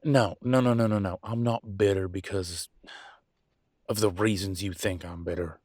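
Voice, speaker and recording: In this one-sided relationship roleplay drama, a man plays a worn-down, bitter werewolf pack leader who is also a husband, his voice deep and his tone darkish. Angry and firm, he uses sarcastic, folksy phrasing with deliberate pauses and fairly even intonation. Audio is close, dry, and free of echo.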